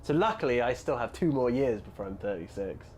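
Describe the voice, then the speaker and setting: A man's voice: mid-range voice, very animated, fairly quick, a little mellow, slight background noise. A man in his thirties chatting casually on a live stream, rambling with lots of fillers and answering viewers' messages. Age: 30s. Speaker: hobby streamer.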